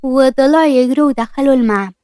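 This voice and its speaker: An Egyptian woman narrating a story in a brisk, lively manner. Her voice is high and fast, and the recording is dry and close. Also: dry recording.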